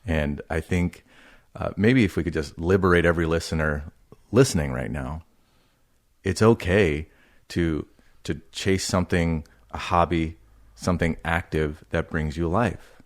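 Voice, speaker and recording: Very deep-voiced man hosting a talk. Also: measured pace. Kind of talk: casual ministry podcast discussion.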